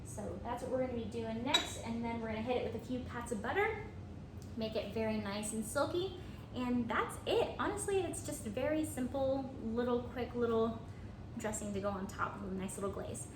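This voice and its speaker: A woman's voice: fairly high pitch, fairly quick. Chatty woman in an echoey kitchen. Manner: chatty, friendly walkthrough with fillers. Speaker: home cook. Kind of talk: casual cooking vlog. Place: home kitchen. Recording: echoey room, voice from a distance, noisy.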